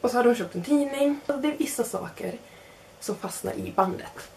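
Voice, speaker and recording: Young woman storyteller, animated and self-mocking, slightly creaky delivery. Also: on the high side, a little hiss or hum. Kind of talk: casual spoken anecdote.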